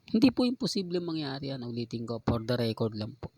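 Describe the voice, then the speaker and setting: A man's voice: medium pitch, big pitch swings, fairly quick, darkish tone, no room sound, low-quality recording. A man hosting his own fan channel, giving casual update talk straight to his viewers in a polite, insistent way.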